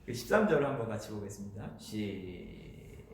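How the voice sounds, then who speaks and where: A man's voice: on the low side, sing-song, normal speed, vocal fry, slight background noise. A man preaching a sermon in a church in a casual, conversational way, often chuckling and inviting the congregation to read along. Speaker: pastor. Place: church sanctuary. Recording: echoey church hall.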